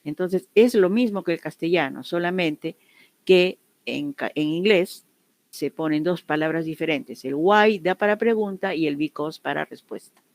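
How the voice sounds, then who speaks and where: A woman's voice: low voice, normal speed, dry recording. A woman English teacher explaining grammar to her students, patiently repeating each example and often checking that they have understood. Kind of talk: online class explanation.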